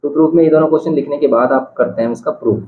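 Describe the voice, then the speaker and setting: A man's voice: on the high side, racing. Reassuring male math teacher, roomy recording. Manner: reassuring, repeats key steps aloud. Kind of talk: board-exam math lesson. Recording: dull, slightly roomy with faint hiss.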